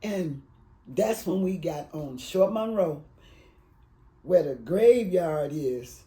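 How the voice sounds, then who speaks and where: An elderly woman in her eighties, from Alabama and raised in Detroit, tells her family's story for an oral history. Her voice is dark and mellow, and her speech wanders and halts with emotion. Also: fairly low pitch, animated, poor audio. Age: 80s. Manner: rambling, emotional, halting.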